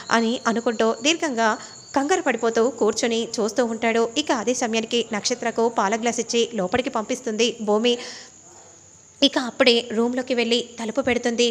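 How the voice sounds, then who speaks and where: A woman vlogger retelling a TV serial episode in brisk storytelling narration. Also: on the high side.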